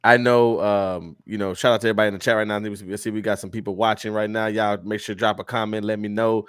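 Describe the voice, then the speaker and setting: A man hosting a casual comedy podcast, telling stories with laughs and animated energy. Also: on the low side, quick pace, clear, resonant tone, dry recording, clean studio sound. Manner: animated storyteller, laughs often, loud mock-preacher bursts. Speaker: podcast host.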